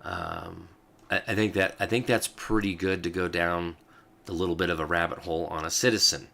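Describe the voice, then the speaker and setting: A man's voice: deep voice, fairly even intonation, moderate pace, gravelly, bright, forceful tone. A man hosting a show, reading old legal texts aloud and explaining them with fillers and asides. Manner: talks as he reads, with fillers and asides. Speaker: host.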